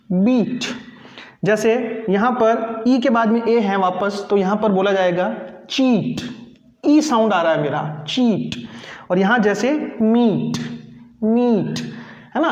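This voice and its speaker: A man teaching an English phonetics lesson, explaining spelling rules patiently and repeating them while calling his viewers friends. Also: sits high. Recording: echoey room, dull lo-fi sound.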